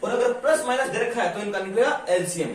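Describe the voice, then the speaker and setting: A man's voice: sits high, quick pace. A middle-aged man teaching a maths lesson in with a tinge, patient and always checking that students follow, slipping into rural dialect endings. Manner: patient, checks understanding constantly with "ठीक है?". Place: classroom. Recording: echoey room, mic far off, faint hiss.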